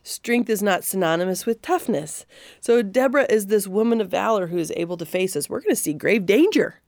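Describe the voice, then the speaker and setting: A woman leading a faith-based podcast discussion, earnest and reflective with gentle emphasis. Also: mid-range voice, animated, fairly quick, no echo, studio quality. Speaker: Bible study discussion leader.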